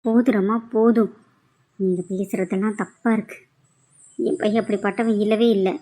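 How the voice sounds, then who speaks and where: A woman's voice: mid-range voice, steady tone, moderate pace, warm tone, lightly acted. A woman voicing a middle-aged aunt who insists her son is innocent. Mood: pleading. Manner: pleading, insistent.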